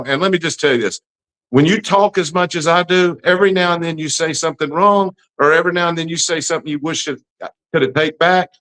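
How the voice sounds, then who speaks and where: A man's voice: fairly high pitch, a bit bright, low-quality recording. A man in his fifties with an Alabama Southern accent, answering interview questions in a folksy, plain-spoken, emphatic way. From Alabama, United States. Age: 50s. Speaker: political candidate being interviewed.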